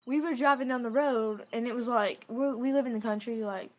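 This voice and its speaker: A woman's voice: on the high side, fairly even intonation, fairly quick, slight background noise. A young woman telling a story to camera in a casual vlog, chatty and giggly, full of "like" fillers. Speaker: vlogger.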